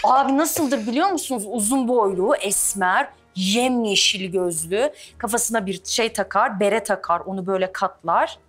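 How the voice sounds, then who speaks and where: A young woman chatting as a guest on a talk show stage, telling stories in a playful, animated way. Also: medium pitch, moderate pace, hardly any pauses, soft background music. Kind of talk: casual talk show chat.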